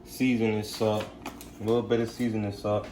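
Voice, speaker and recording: A man's voice: lowish voice, level tone, a little fast, a little mellow, echoey room, far from the mic, a little hiss or hum. A young man chatting casually in his home kitchen as he cooks for his family, laid-back and slangy, often asking "you feel me?". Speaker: vlogger cooking for his family. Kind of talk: casual cooking vlog chat.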